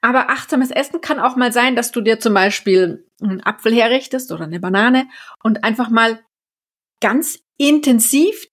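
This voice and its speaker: A woman with a slightly raised pitch explains mindfulness practices on a podcast. She talks the listener through each step gently, addressing them directly. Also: normal speed. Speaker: podcast co-host, works with children. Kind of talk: casual podcast conversation on mindfulness.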